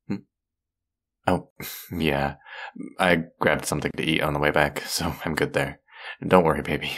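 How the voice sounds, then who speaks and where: In this intimate roleplay audio, a young man voices a sleepy, overworked college boyfriend who is full of affection. His exaggerated delivery is extremely low and creaky, soft and drowsy, broken by pauses and sighs.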